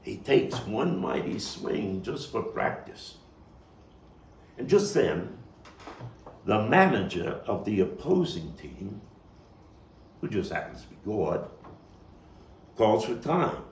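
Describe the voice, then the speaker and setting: At a table read, an actor and playwright performs his own dramatic stage monologue in the character of a streetwise Brooklyn baseball fan full of nostalgia. His voice sits on the low side, darkish and sing-song, heavily acted, with deliberate pauses and big jumps in volume for dramatic storytelling. The mic is distant and the room roomy, with faint noise.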